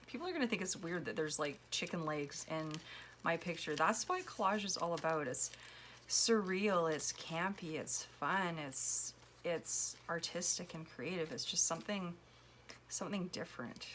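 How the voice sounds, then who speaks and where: A woman giving casual commentary while making a collage, a little hoarse as she loses her voice, dropping to a whisper as she works. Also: on the low side, normal speed, fairly bright tone, slight background noise. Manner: chatty, drops to a whisper while working. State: losing her voice. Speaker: collage artist.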